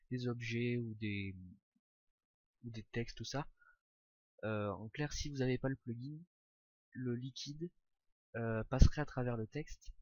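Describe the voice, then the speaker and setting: A young man walks through a software tutorial in a loose, informal way, pausing often with fillers as he searches for the next step. His voice sits at an ordinary middle pitch. The recording is dry and close, with no room sound. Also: no room sound. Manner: hesitant, many "euh" fillers, relaxed and informal. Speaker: tutorial maker.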